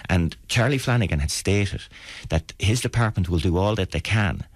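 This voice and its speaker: Irish male campaigner, deep dry voice, plain-spoken and insistent interviewee. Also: animated, normal speed, no echo. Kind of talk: radio interview.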